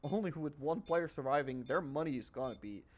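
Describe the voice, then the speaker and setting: Here an excitable esports caster, a man speaking a little fast, commentates a shooter game live. Fights push his voice higher and louder, rounds breaks bring calm, and gunfire from the game sounds behind him.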